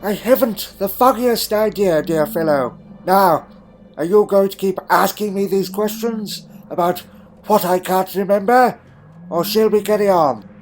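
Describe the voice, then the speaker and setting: Male actor as a troubled, proud Time Lord for audio drama; slightly high voice, old-fashioned wording, melancholy and guarded, over faint music. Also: unhurried. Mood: impatient. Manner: brooding, theatrical, old-fashioned formal phrasing. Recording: music behind the voice.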